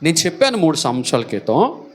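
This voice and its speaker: Male pastor, sermon voice, high and animated, hammering repeated questions at the congregation. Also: fast. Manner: emphatic, repetitive preaching with rhetorical questions. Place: church.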